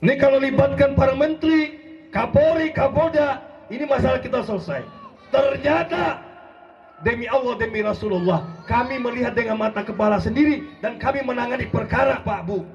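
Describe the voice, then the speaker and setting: A man preaching an impassioned sermon, rousing and often shouting as he addresses his listeners directly. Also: very high-pitched, fairly quick, some chatter behind. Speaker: preacher and legal consultant. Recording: dull lo-fi recording.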